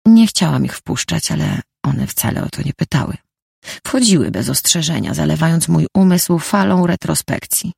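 A woman narrates a first-person novel calmly and reflectively. Her voice is strongly gravelly and husky, with lively pitch movement. The recording is close and dry. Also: moderate pace, no echo. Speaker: audiobook narrator.

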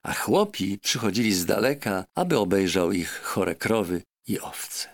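Gravelly, expressive male audiobook narrator. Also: on the low side, a little slow. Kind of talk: audiobook narration of a children's novel.

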